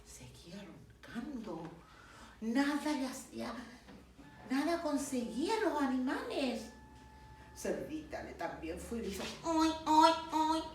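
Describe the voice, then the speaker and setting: A woman slowly reading a picture book aloud to children, acting out the animal sounds. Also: fairly high pitch, sing-song, darkish tone. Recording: distant mic, very echoey room, faint noise.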